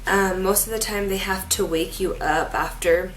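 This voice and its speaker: A woman's voice: mid-range voice, normal speed, low-quality recording. A woman talking casually in a personal vlog, in a rambling, informal, folksy way. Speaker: vlogger.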